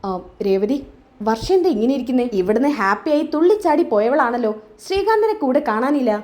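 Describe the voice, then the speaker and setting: A woman's voice: high voice, lively intonation, brisk, a little mellow. A woman voicing a concerned elder brother who questions in a firm, protective way.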